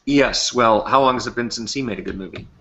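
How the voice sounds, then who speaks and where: A man's voice: medium pitch, quick pace, creaky, sharp tone. Man in a roomy, muffled webcam chat. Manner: loose, rambling, filler-heavy. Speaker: host of a live movie chat. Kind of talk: casual chat about movies. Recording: roomy, dull lo-fi webcam audio.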